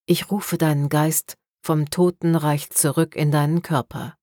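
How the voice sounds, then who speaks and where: A young necromancer talks softly and kindly, with a dry, teasing humor, voiced by a woman reading aloud. Her voice is fairly low in pitch. The sound is dry and close-miked. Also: flat delivery, measured pace, no echo. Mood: gentle. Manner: soft, friendly, lightly teasing. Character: wry young woman necromancer, gentle and amused.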